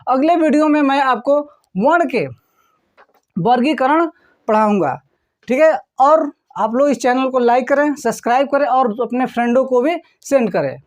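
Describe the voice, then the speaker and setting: A man's voice: very high-pitched, moderate pace. A man teaching a grammar lesson online who repeats phrases word by word and keeps checking in with the listener.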